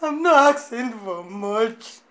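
Actress as a young woman, tearful, pleading, slightly high voice, very slow delivery. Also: lively intonation, a bit bright. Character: pregnant young woman pleading with her lover.

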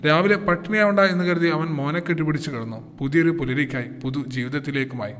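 A man's voice: on the high side, quick pace. Man narrating a story with long echo. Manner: steady storytelling read.

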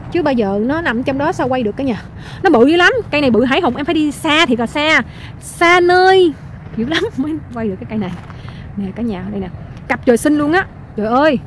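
A woman with a high, bright-pitched voice walks through her garden nursery, filming on a phone and talking nonstop to her viewers. She exclaims and gushes over every plant she sells, with faint outdoor noise behind her. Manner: excitable, exclaiming, addresses viewers constantly. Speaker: plant seller. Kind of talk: casual selling vlog.

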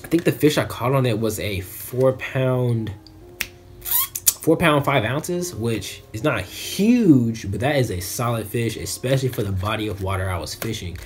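A young adult American man chats in a laid-back, slangy way as an unboxing vlogger, identified as a fishing vlogger, filmed on a camera at arm's length in a small indoor bedroom. His mid-range voice is expressive and a little slow. A bit of hiss or hum sits in the recording.

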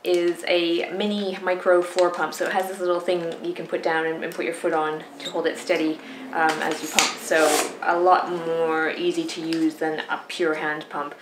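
A woman's voice: on the low side, level tone, moderate pace. Chatty woman in an echoey room. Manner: chatty, frequent "um" and asides. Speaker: cycling vlogger. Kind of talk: casual explainer to camera. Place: sunny home room with shuttered window. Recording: echoey room with audible noise.

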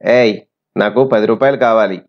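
A man voicing a boastful, threatening schoolboy bully with a rough, demanding manner. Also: lowish voice, fairly even intonation, moderate pace, close to an everyday voice. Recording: slightly muffled recording.

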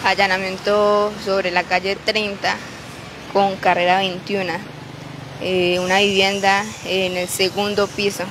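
A woman reporting live from a city street as a local news reporter, pausing often with filler sounds. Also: medium pitch, level tone. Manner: halting, many filler "eh"s. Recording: street noise behind the voice. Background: traffic and street noise.

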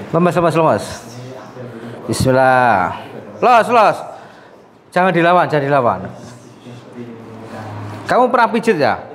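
Joking, lively massage therapist. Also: male voice, on the high side, unhurried, pauses often, a crowd in the background. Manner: joking, coaxing, laughs often. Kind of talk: casual talk while treating a patient.

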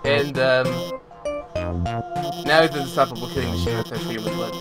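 A man's voice: mid-range voice, moderate pace, music in the background, natural voice. A man voicing a nervous, nerdy female lizard scientist, stammering and flustered as he reads game dialogue aloud. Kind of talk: reading game dialogue aloud in a let's play.

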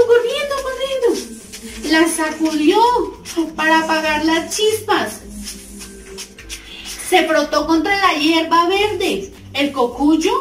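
A woman with a high voice tells a children's tale, unhurried and expressive, lilting through the lines. She sounds a little away from the mic in a roomy space, with faint music underneath. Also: far from the mic. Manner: slow, expressive, sing-song. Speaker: storyteller. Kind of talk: children's story narration.

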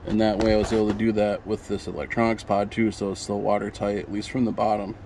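A fast-talking young fishing-channel host from Michigan, voice lowish and flat, shows off a fishing build outdoors in an apartment parking lot. He rambles casually with many ums and restarts, and the outdoor phone recording is noisy.

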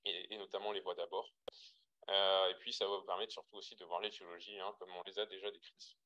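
A man's voice: deep voice, flat delivery, a little fast, pushed and bright, muffled recording, a little hiss or hum. A man with a French accent giving a webinar slide lecture to trainees, hesitant with frequent fillers and restarts, heard through a computer mic. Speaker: radiologist giving a webinar talk.

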